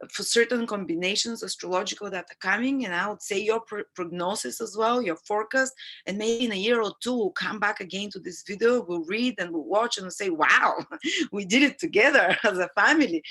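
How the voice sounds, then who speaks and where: Sniffly from being sick, a woman astrologer and channel host talks on her own live stream in a medium-pitched voice with a fairly bright tone. Her forecast chat is chatty, rambling and earnest.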